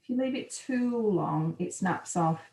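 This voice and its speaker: A woman's voice: lowish voice, expressive, a little slow, gravelly, mellow. A woman, chatting casually as she explains the steps of a craft class. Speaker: craft workshop tutor. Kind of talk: casual video-call class chat. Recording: echoey room.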